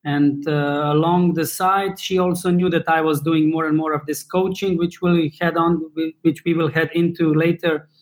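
A man's voice: a little high, level tone, moderate pace, hardly any pauses, poor audio. Man from Slovenia, hesitant and searching. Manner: searching for words, many fillers and restarts, non-native English. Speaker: guest, former table tennis player and coach. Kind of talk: casual interview talk.

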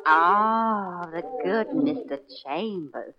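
An actress playing a coy, cultured, teasing married socialite in an old radio drama. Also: female voice, lowish voice, animated, drawn-out words, a crowd in the background, full character voice. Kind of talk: 1950s radio drama acting. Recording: dull old radio recording.

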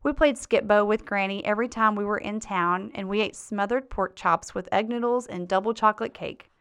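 Smooth-voiced woman hosting a heartfelt podcast. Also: mid-range voice, brisk, fairly bright tone. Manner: heartfelt, reminiscing, faith-filled. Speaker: podcast host and life coach. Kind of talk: casual podcast monologue.

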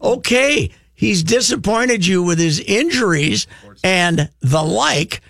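A man hosting a sports radio show, blunt and animated, sometimes raising his voice to make a point. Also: high voice, slow, gravelly, no room sound. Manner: blunt and animated, rising to shouts when making a point. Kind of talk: opinionated sports talk.

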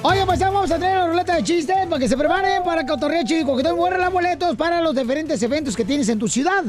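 A man's voice: extremely high pitch, very fast, over music. A man hosting a comedy radio show, bantering playfully in slang. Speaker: radio host.

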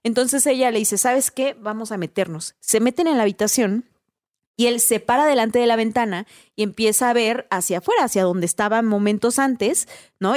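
A woman with a Mexican accent, telling a story in a casual, animated way, full of slang and tag questions. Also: mid-range voice, no room sound, studio quality. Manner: animated, slangy, tags lines with "¿no?" and "güey".

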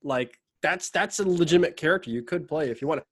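A man's voice: on the high side, fast, fairly bright tone, breathy edge. A man with a slightly raised voice, chatting and explaining at length. He fills his sentences with hesitations and restarts. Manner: rambling, explaining, many fillers. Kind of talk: casual chat.

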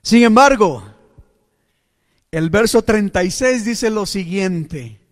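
A man preaching a sermon as pastor, with dramatic pauses and occasional English asides. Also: high voice, expressive. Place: church. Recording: church hall reverb.

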